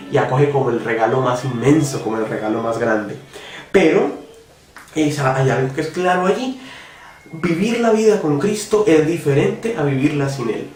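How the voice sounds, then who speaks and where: A man's voice: a little high, darkish tone, distant mic. Earnest preacher man, roomy echo. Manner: earnest, conversational, addresses the listener directly with rhetorical questions. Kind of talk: spoken devotional reflection. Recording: roomy echo, voice from off the mic, faint music.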